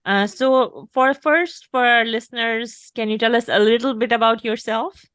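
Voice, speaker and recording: A woman's voice: on the high side, steady tone, moderate pace, fairly bright tone, smooth, no room sound, clean studio sound. A woman hosting a podcast as a career coach, asking questions in an upbeat, encouraging way. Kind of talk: conversational interview.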